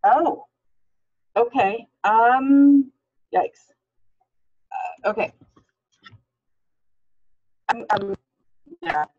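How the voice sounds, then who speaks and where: A woman's voice: fairly high pitch, drawn-out words, long pauses, darkish tone, dry recording. A woman hosting a webinar, with many ums and uhs, over a failing mic whose audio breaks up. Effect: choppy, breaking-up audio from a failing mic. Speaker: webinar host. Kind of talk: presenting slides on a webinar. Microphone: computer mic on a video call. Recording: dull online call audio.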